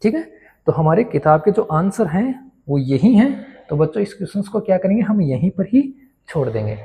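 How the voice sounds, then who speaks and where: A man's voice: sits high, very animated, moderate pace, mellow. A man teaching a maths lesson, who keeps asking his students questions and then answers them himself. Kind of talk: classroom-style maths lesson.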